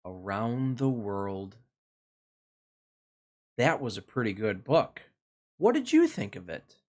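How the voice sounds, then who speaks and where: A man with a mid-range voice hosts a read-along for children, telling a picture book story expressively and with deliberate, sing-song emphasis.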